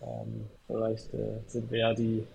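A man's voice: fairly low pitch, completely flat delivery, a little slow, vocal fry, dark tone, slight background noise, poor audio. A man co-hosting a podcast in casual chat, talking in a rambling, hesitant way with many restarts. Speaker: podcast co-host.

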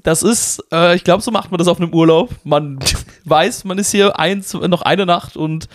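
A man's voice: high-pitched, moderate pace, no room sound, studio quality. A young man from Baden, a podcast co-host telling a story casually, with slang and lots of ums. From Baden, Germany. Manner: storytelling, swearing, hesitant fillers. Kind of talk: casual chat.

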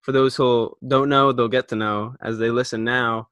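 A man's voice: mid-range voice, steady tone, normal speed, fairly bright tone, clear, resonant tone, no echo. Male podcast host, upbeat and casual, frequent false starts, dry room.

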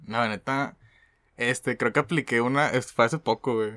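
A man's voice: mid-range voice, fairly even intonation, normal speed, bright, forceful tone, dry recording, studio quality. A young man with a Mexican accent, co-hosting a casual podcast and telling stories in slangy, laughing chat. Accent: Mexican Spanish. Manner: slangy, storytelling, laughs often. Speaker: podcast co-host.

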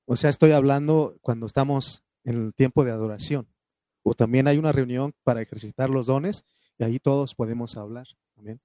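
A man's voice: medium pitch, dark tone, no echo. A man preaching a fervent sermon, questioning his congregation and punctuating points with amen, raising his voice to read scripture. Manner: reads scripture aloud in a raised, drawn-out voice.

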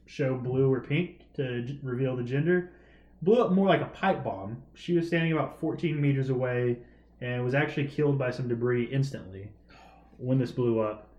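A man's voice: mid-range voice, moderate pace, a little mellow, echoey room, lo-fi sound. A man co-hosting a casual podcast, telling news stories in a chatty way with frequent fillers and laughter. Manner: chatty storyteller, laughs often, many fillers.

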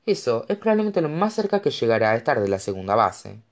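Figure: sardonic young man, voiced by an audiobook narrator. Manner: dry, sneering, mocking. Pitch: lively. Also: fast. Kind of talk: audiobook character voice.

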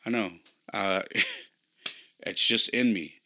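Middle-aged male podcast host, lowish pitch, bright tone, casual rambling storyteller turning emphatic. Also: huge pitch swings, very slow, a little hiss or hum. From California. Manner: conversational, rambling with fillers, grows emphatic when lecturing. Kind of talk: personal storytelling monologue.

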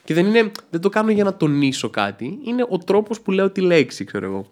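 A man's voice: high voice, sing-song, a little mellow. Comedian guy from trikala, thessaly accent, rambly casual chat, lots of fillers. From Greece, Trikala. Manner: rambling, many fillers and restarts. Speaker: stand-up comedian, podcast guest.

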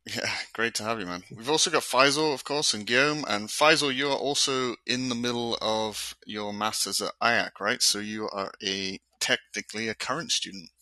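This host of a live online architecture talk sits on the low side, speaking at a moderate pace with hardly any pauses. The recording is dry and rough, and he rambles casually, dropping frequent fillers and laughing easily.

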